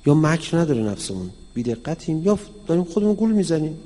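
A man giving a religious lecture on mysticism to an audience, speaking in a lively way and acting out the dialogue he quotes. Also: on the high side. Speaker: cleric teaching mysticism. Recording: long hall reverb.

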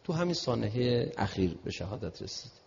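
An older man giving a sermon-style talk to an audience, animated and conversational, with many asides to his listeners and swings from low murmurs to loud emphatic peaks. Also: vocal fry, a little hiss or hum. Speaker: religious speaker. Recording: dull lo-fi sound with long hall reverb.

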